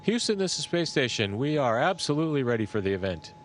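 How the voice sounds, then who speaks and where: A man's voice: medium pitch, sing-song, quick pace, a little hiss or hum. A man speaking as an astronaut aboard the space station, answering calls with confident, upbeat replies over a distant radio downlink. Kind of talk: radio call procedure.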